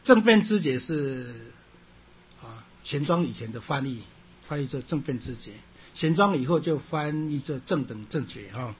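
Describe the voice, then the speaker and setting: A man teaching a Sanskrit class, repeating his points, clearing his throat often and ending phrases with a drawn-out "ha". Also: mid-range voice, lively intonation, muffled recording, slight background noise. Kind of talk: classroom lecture.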